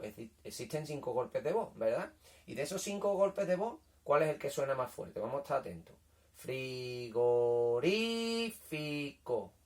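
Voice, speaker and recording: A man teaching a children's lesson in a patient, repetitive way, checking understanding often and sounding out syllables slowly. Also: fairly high pitch, distant mic. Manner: patient, repeats points, checks with "¿vale?". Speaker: primary school teacher. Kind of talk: recorded language lesson for children.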